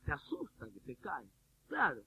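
A man preaching a sermon with an Argentine accent, animated and humorous, often mimicking people in little quoted bits. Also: sits high, normal speed, creaky. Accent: Argentine Spanish. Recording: phone-like radio broadcast with faint noise.

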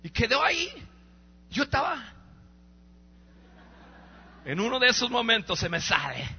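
High-voiced husky preacher. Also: male voice, unhurried. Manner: animated, acts out voices, stammers when excited. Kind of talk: sermon storytelling. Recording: reverberant hall, dull lo-fi sound.

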